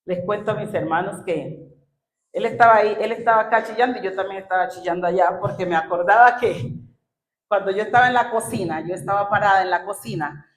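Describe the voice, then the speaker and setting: A woman's voice: medium pitch, a little fast, echoey room. A woman preaching a sermon in a church, emotional and acting out her own past words. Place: church hall.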